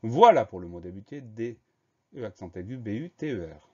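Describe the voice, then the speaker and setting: A man's voice: on the low side, animated, normal speed, warm tone, husky. A man teaching a spelling dictation lesson, patiently spelling each word letter by letter. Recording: dull lo-fi recording.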